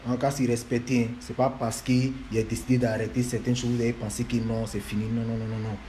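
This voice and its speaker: A man's voice: mid-range voice, flat delivery, fairly quick, warm tone, a little hiss or hum. A man, lecturing and scolding fans in a repetitive, emphatic monologue. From Ivory Coast.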